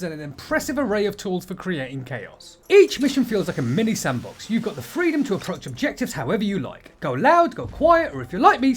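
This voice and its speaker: A man's voice: high voice, husky. A man hosting his channel, giving a scripted, sarcastic game review with punchy jokes. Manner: sarcastic, punchy, jokey delivery. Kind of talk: scripted comedic review narration.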